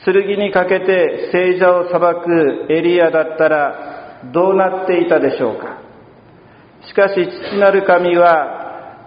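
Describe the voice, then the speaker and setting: Unhurried priest preaching in a roomy church. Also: male voice, sits high. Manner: calm, measured preaching with long pauses. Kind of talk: sermon. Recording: dull, roomy church sound from a distance.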